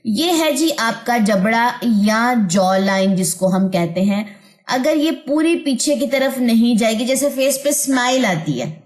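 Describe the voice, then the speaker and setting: A woman's voice: a little high, expressive. A woman teaching an online tajweed lesson, patiently drilling sounds and checking understanding.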